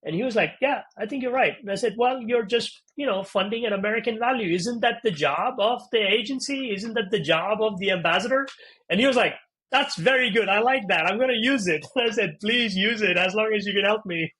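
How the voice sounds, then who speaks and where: A man from India talks through his startup story as an interview guest. His voice sits a little higher than most men's. He tells it animatedly and acts out the back-and-forth of conversations. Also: a little fast, breathy edge. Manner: animated, acts out quoted dialogue, frequent "you know" and "right?".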